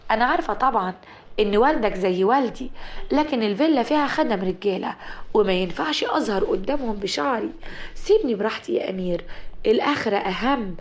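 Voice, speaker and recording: A woman voicing a shy, devout young bride who speaks softly and earnestly, with an Egyptian accent. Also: fairly high pitch, lightly acted. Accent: Egyptian Arabic.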